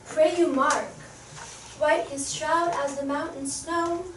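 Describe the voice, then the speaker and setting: A woman with a high, steady voice plays a young noblewoman driven mad by grief, speaking slowly and distractedly as she wanders between speech and bits of song. It's stage acting of verse drama, recorded from a distance in an echoey hall with a faint hiss or hum.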